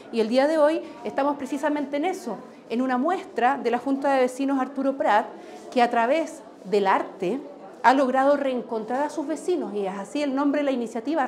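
A woman official in her thirties talks fluently in a high voice about community work, speaking in an official, measured register. She pauses now and then with small fillers. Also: darkish tone. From Chile. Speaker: regional government official. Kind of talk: news interview. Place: indoor exhibition room.

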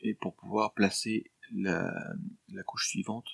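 A French composer explains his work at home in an easy, informal way, full of fillers and restarts. His voice sits low and has a gravelly edge. The sound is close and dry, with no room around it. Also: level tone, slow pace, a bit bright, dry recording. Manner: chatty and explanatory, with frequent fillers and self-corrections; addresses the viewer informally, jokes lightly. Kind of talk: casual screen-share tutorial vlog. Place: home, during lockdown.

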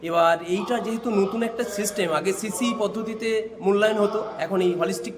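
A man, a school teacher, explaining in an on-site news interview, pausing often on fillers as he goes. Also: sits high, background noise. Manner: explanatory, with frequent hesitant fillers. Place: school during a training event.

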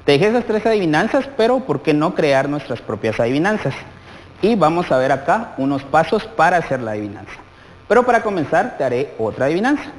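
Man, children's TV teacher, keeps asking the viewer questions; animated delivery with a long room echo. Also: on the high side, brisk. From Guatemala. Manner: asks many questions directly of the child viewer. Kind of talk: televised lesson for children.

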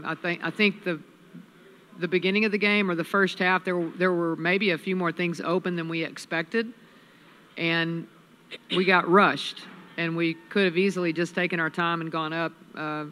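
Woman head coach, 50s, postgame presser; bright tone, narrow range, thoughtful restarts. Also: lowish voice, fairly even intonation. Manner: measured, analytical, many restarts. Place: press room with sponsor backdrop. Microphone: table mic on a stand.

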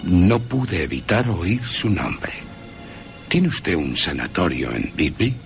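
A man voicing a courteous, sinister vampire count in a slow, solemn manner, with an accent from Spain. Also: low-pitched, very animated, soft background music, full character voice. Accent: Spanish (Spain).

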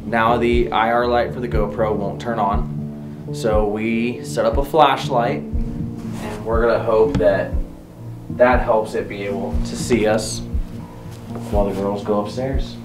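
A man's voice: fairly low pitch, steady tone, measured pace. A man talking casually on a paranormal investigation vlog. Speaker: ghost hunter. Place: large dark dining room. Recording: echoey room, music underneath.

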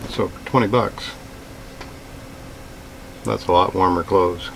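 A middle-aged outdoors vlogger with a deep, gravelly voice talks slowly and easily about gear to a camera across the table, plain-spoken and relaxed with plenty of ums and uhs. He sits in a small room lined with shelves of gear, where a faint air conditioner hums. The audio is poor, with slight background noise.

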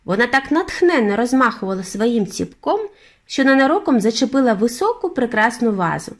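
A woman narrating a children's bedtime audiobook in an expressive, animated way. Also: a little high, brisk. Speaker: audiobook reader.

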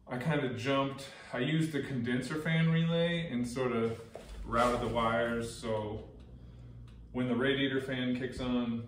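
A man in his thirties vlogging casually while unboxing car parts in his home garage, chatty and jokey, thinking out loud. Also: medium pitch, far from the mic, a little hiss or hum. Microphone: camera mic from across the room. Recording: roomy garage echo from off-mic.

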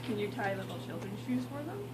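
A woman's voice: mid-range voice, very animated, quick pace, reverberant, very noisy. A woman chatting casually and playfully, teasing and humoring the person she talks with. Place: hospital recovery room.

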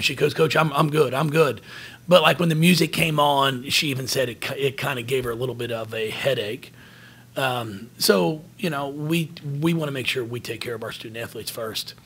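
A man in his forties, a basketball head coach, answering questions at a post-game press conference from behind a table microphone, earnest and halting, often restarting his words. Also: medium pitch, vocal fry, a bit bright, husky. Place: press room in front of a team backdrop. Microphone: table microphone in front of him.

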